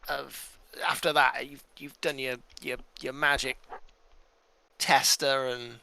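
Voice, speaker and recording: A man joking around casually as a player in a tabletop game, often halting and restarting. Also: mid-range voice, level tone, gravelly, bright, forceful tone, clean tone.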